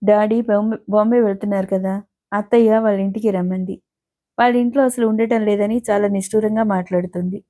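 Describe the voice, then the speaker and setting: A narrator plays a gentle young woman in a storybook, affectionate and sympathetic. Her voice is soft and mellow. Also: medium pitch, fairly even intonation, a little fast, close to an everyday voice.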